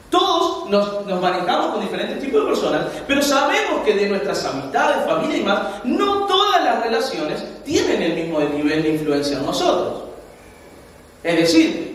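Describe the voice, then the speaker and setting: A young adult man with a Uruguayan accent preaching a sermon as pastor, telling stories with animated, laughing asides. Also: very high voice. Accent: Uruguayan Spanish. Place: church hall. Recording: echoey hall, mic far off.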